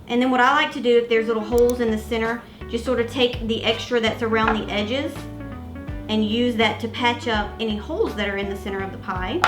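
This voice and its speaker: Speaking a little high in an echoey room, a young cooking vlogger with a Mississippi Southern accent walks through each step of a casual tutorial. She's chatty and friendly throughout.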